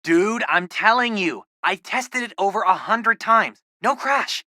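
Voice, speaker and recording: In a video game, an eager, nerdy American teenage boy plays tech helper to a superhero, a loyal hacker sidekick chattering casually as if over a radio. He sounds excited and amazed, quipping informally at a measured pace with animated pitch swings and a bright, forward tone, fully in character. The recording is completely dry, with no room sound.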